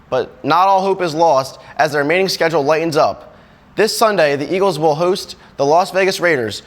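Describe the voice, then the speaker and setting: A man's voice: fairly high pitch, fairly bright tone. A young man reading a sports segment in an upbeat, chatty way. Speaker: sports reporter.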